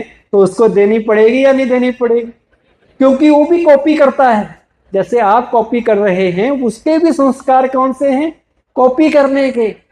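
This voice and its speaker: Slow, gentle high-voiced male teacher. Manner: asks the audience questions and answers them. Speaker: spiritual speaker. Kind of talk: spiritual talk to an audience.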